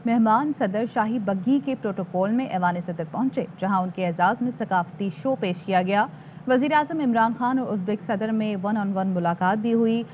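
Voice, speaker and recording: A female news anchor reading headlines in a steady, formal manner. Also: mid-range voice, normal speed, a little hiss or hum.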